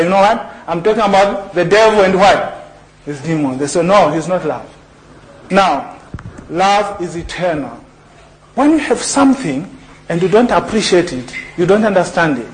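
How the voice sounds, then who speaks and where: A man's voice: high voice, expressive, moderate pace, rough recording. A middle-aged man from Zambia preaching a sermon in a church, often asking the congregation to finish his sentences. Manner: call-and-response questions to the congregation. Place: church hall. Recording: archived church recording with faint noise.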